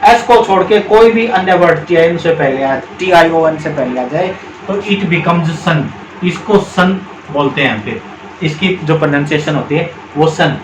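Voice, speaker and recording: A man with an Indian accent teaches a video lesson, his slightly raised voice going over each word slowly and more than once. The sound is roomy and echoey, with a faint hum of noise underneath. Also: fairly high pitch, expressive. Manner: explains step by step, repeats words slowly, calls students beta. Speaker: English grammar teacher. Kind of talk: classroom-style video lesson.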